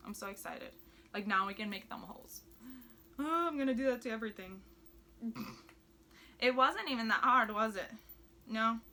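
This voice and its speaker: A Spanish-speaking woman teaching sewing chats brightly through a tutorial, narrating each step at the machine. Her mid-range voice sounds pushed and bright, with slight background noise behind it.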